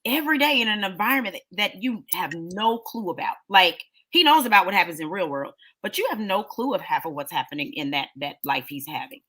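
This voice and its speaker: A woman's voice: medium pitch, lively intonation, fairly quick, few pauses, sharp tone. A woman in a casual talk show, making emphatic points and asking pointed questions. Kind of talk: casual chat.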